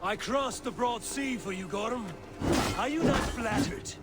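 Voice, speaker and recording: An actor playing a resolute, vengeful Viking warrior in a video game, terse, solemn and commanding. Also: male voice, very high voice, a little slow, loud music behind the voice. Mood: defiant. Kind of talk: dramatic video game acting.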